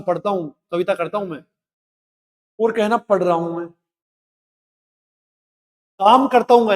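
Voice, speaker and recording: A man's voice: high voice, in a large hall. A male Hindi teacher in a live class. He recites lines of a poem and then explains each one, asking rhetorical questions as he goes.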